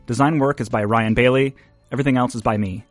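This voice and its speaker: A man hosting a podcast, talking in a relaxed, easy-laughing way, then closing the show. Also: mid-range voice, quick pace, no room sound, faint music behind. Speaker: podcast host. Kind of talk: casual podcast chat and outro.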